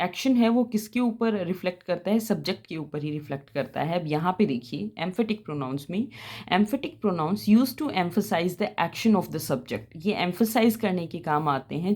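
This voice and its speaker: A woman with a somewhat low voice teaches an English grammar lesson. She explains in Hindi and reads each English example out slowly and deliberately, putting her own questions to the class and answering them, with many "uh" fillers between phrases. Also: a little mellow.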